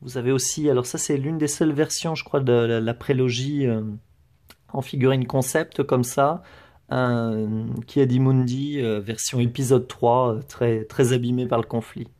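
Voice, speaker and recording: A man's voice: mid-range voice, steady tone, normal speed, dark tone. A man giving a casual show-and-tell tour of his collection, hesitant, with many fillers and restarts.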